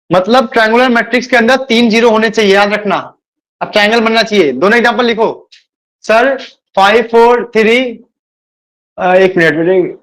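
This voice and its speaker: A man's voice: sits high, a bit bright. A man teaching a math class, repeating himself and calling the students beta. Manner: admits speaking fast. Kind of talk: live online class lecture.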